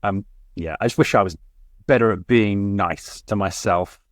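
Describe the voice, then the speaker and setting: Man, podcast co-host, low voice, dry sound, candid, reflective, hesitant restarts. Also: moderate pace, no room sound. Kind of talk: casual podcast chat.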